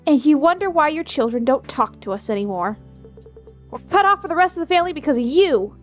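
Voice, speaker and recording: A hurt, reproachful old grandmother scolds in a raised, high voice, as a woman acts her out. Her lines come out sharp and accusing. Soft music sits in the background. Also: quick pace, natural voice. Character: upset, reproachful elderly grandmother.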